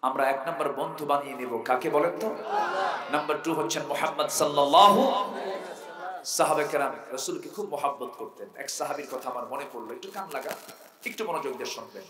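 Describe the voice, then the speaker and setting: A fairly high-voiced male preacher delivering an impassioned sermon. He swings from ringing, raised cries to low, hushed storytelling. The sound is roomy and echoey. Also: fast, recorded from a distance, noisy background. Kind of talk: Bengali waz sermon.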